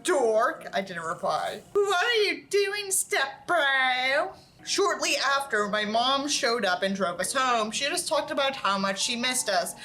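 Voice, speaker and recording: A host reads a book aloud theatrically, adding mocking commentary through sarcastic, exaggerated delivery and dry asides. Her voice is on the high side with a sharp tone.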